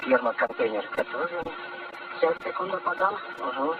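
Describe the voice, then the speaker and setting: A man's voice: mid-range voice, animated, fairly quick, distant mic, over loud music. A man, a cosmonaut on a spacewalk, giving terse procedural callouts over a space-to-ground radio transmission. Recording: noisy, muffled radio link from afar.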